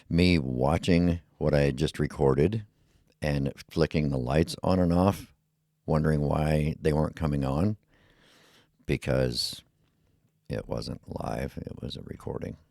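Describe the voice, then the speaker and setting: Male podcast host, very low, dark and rumbly. Casual, mumbly solo talk on a close, dry, EQ'd dynamic mic. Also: gravelly, no echo. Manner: mumbly, rambling, with many fillers. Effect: equalizer filter on the mic. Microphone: heavy dynamic podcast mic on a boom arm.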